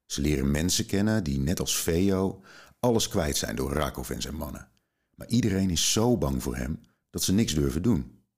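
Very deep-voiced man reading a story aloud. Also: slightly rough. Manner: calm, measured storytelling. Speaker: podcast host and reader. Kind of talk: reading a children's book aloud.

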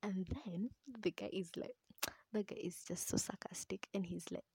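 A woman's voice: fairly low pitch, fairly even intonation, moderate pace, dark tone, breathy edge, dry recording. A young woman retelling a book in a casual, chatty ASMR whisper close to the mic, throwing in asides and swearing.

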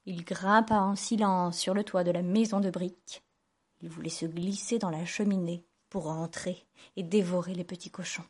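A woman reading a children's fairy tale aloud in a gentle, even storytelling manner. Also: on the low side, moderate pace, breathy edge.

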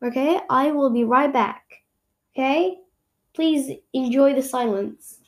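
High-pitched woman rambling on her home podcast, keeps restarting her sentences. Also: takes it slowly. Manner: rambling, chatty, with frequent self-corrections. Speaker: podcast host. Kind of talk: casual solo podcast chat. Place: home room.

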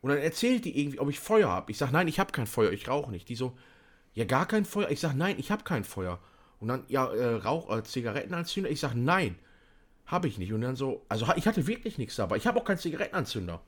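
A young man chatting casually, telling an animated story with lots of fillers and restarts. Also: medium pitch, fast talker. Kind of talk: casual chat.

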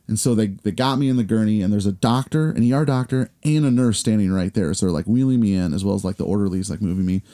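A man in his forties, a podcast co-host, telling a long story in casual chat with lots of fillers, acting out the people he quotes in higher voices. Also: fast talker, few pauses, mellow. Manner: rambling, filler-heavy storytelling.

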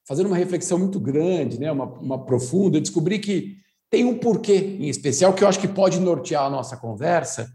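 A fifty-year-old man from Brazil speaks as a podcast guest with a somewhat high yet dark, mellow voice. He explains patiently and didactically, circling back with fillers and restarts. His voice carries a noticeable room echo. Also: expressive, a little fast. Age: 50s. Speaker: consultant guest. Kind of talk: podcast interview. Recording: roomy echo.

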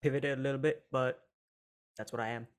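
A young man from India, a guest on an online panel, introducing himself in a relaxed, hesitant way over a video call. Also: medium pitch, fairly quick, smooth. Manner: relaxed, hesitant, trailing off softly. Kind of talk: casual self-introduction.

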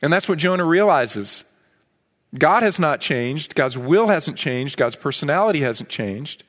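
A man's voice: fairly high pitch, expressive, unhurried, a bit bright, long reverb tail. A man preaching a sermon as pastor, emphatic and driving points home by repeating key phrases. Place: church sanctuary.

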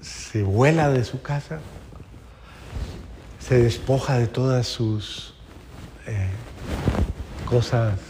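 A man preaching a homily at mass, telling a story that rises to loud emphatic peaks and drops to soft, low phrases. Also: a little hiss or hum. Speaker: priest. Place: church.

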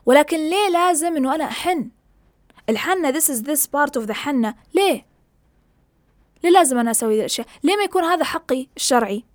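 A woman's voice: sits high, lively intonation, fast, dry recording, clean studio sound. A young woman, giving an impassioned, ranting opinion monologue and mixing in English words.

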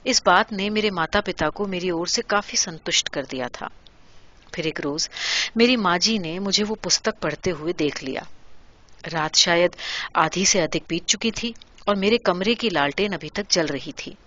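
A woman reading a literary story aloud in a measured, quiet way. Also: on the low side, highs cut off.

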